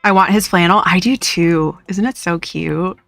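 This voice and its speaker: A woman streamer with a gravelly, fairly bright voice that sits on the low side chats at a moderate pace, playful and casual, while gaming for her viewers, and she laughs often. It's a dry close-mic recording with faint music.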